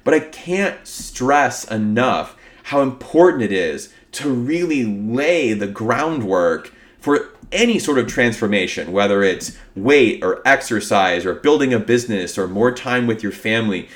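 A man's voice: mid-range voice, lively intonation, measured pace, few pauses. A man hosting a podcast solo in a casual, upbeat, conversational way, his voice affected by a cold. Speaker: podcast host.

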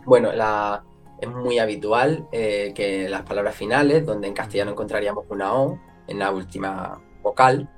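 A man's voice: on the low side, soft background music. A man from Extremadura with an Extremaduran accent, a guest explaining eagerly in a casual interview. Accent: Extremaduran Spanish. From northwestern Cáceres, Extremadura. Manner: fast, animated explaining with many fillers. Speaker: guest, language content creator.

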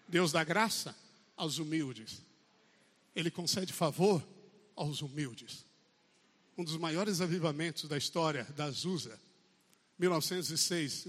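A pastor with a Brazilian Portuguese accent preaches in a slightly high, fairly bright voice, his words echoing with the long reverb of a church hall. He's emphatic, often calling out for amens and acting out quotes.

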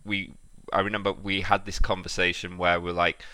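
Very low, bright-voiced male host. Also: little pitch movement, normal speed, no echo. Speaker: podcast co-host. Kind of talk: casual chat.

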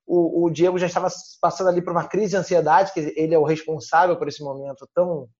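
Podcast host, polite, slightly formal, mid pitch, muffled recording. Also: fairly even intonation, quick pace, a little mellow. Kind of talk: hosting a podcast.

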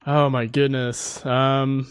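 A young man as a podcast guest, soft-spoken and hesitant, often apologizing. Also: mid-range voice, little pitch movement, slow, clean tone, dry recording, clean studio sound. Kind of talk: casual chat.

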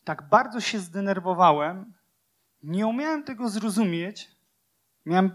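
High-voiced man preaching with passion. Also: animated, a little slow. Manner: impassioned, swinging from loud declarations to hushed near-whispers; rhetorical questions and repeated phrases. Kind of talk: sermon.

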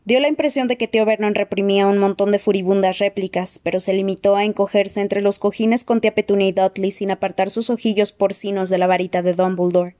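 A woman narrating an audiobook in a steady, even storytelling manner. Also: medium pitch, fairly quick, hardly any pauses.

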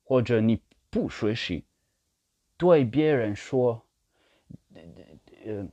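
A man speaking non-native Mandarin with a foreign accent, talking casually and haltingly as he searches for words and repeats phrases for emphasis. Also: medium pitch, expressive, dark tone, dry recording. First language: not Mandarin. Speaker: language learner sharing his experience. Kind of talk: casual monologue in a learned language. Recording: dull, slightly lo-fi sound.

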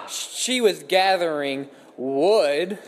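A man with a fairly high voice reads a Bible story from a script as a dramatic narrative, acting as scripture reader. The recording is very noisy and made in an echoey hall with long reverb.

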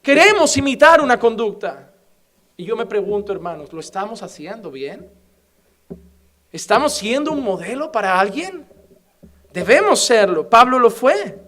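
A man's voice: high voice, very animated, normal speed, pauses often, fairly bright tone. A middle-aged man with a Spanish accent from Spain, preaching a sermon with passion and many rhetorical questions. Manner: passionate, rhetorical questions, builds to fervent exhortation.

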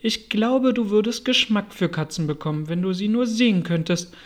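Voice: medium pitch, lively intonation, moderate pace, natural voice. A reader voicing a polite, well-meaning young girl in a storybook reading, with an eager, apologetic, chattering manner.

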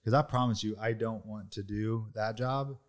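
A man's voice: fairly low pitch, steady tone, moderate pace. A man hosting a casual business conversation, coaching his guests in an emphatic way and laughing easily. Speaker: podcast host.

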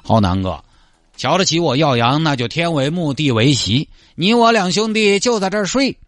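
A man's voice: a little high, sing-song, moderate pace, a bit bright, dry recording, studio quality. A man voicing a boastful drunk young driver with a Sichuan accent, chattering away. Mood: grandiose.

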